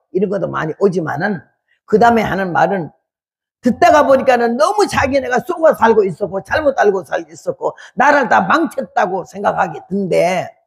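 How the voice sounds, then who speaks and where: A woman's voice: mid-range voice, vocal fry, darkish tone, husky. A woman in her eighties gives a testimony sermon as a missionary preacher, speaking emphatically with repeated rhetorical questions. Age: 80s.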